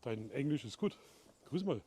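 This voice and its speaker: Walking outdoors through a town at night, this middle-aged livestream vlogger from Bavaria talks casually to his viewers in German and halting English, with a German accent. His mid-range voice is very animated and dark in tone, over slight background noise.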